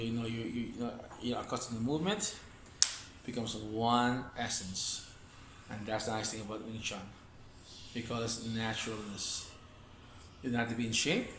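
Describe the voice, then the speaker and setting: Medium pitch, a bit bright, with slight background noise: a man casually teaching Wing Chun, rambling and repeating himself as he demonstrates moves. The room sounds echoey, with faint ambience.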